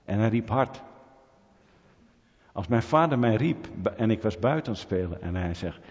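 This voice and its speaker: A middle-aged man preaching a sermon, telling stories with sudden loud peaks. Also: fairly low pitch, lively intonation, moderate pace. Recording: dull audio with long hall reverb.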